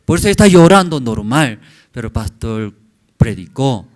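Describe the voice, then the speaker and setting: A male pastor in his forties preaches to his church congregation at a deliberate, slow pace. His pitch swings widely as he builds his points in brief, simple phrases. He often pauses to ask the listeners a quick "mm?". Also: very animated. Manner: halting simple phrasing with frequent questioning "mm?" tags to the congregation. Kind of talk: sermon.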